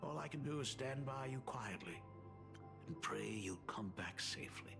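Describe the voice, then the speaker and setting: Gravelly, very old-sounding solemn father. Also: medium pitch, expressive, moderate pace, music in the background. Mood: resigned. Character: solemn aging father, fatherly artist burdened by family curse. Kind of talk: dramatic video game voice acting.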